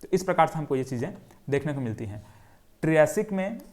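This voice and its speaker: Young male teacher, a touch high-pitched, runs a lecture as repeated question and answer while drawing on a board. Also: very animated, fast talker. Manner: repetitive question-and-answer drilling. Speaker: geography teacher. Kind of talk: classroom lecture.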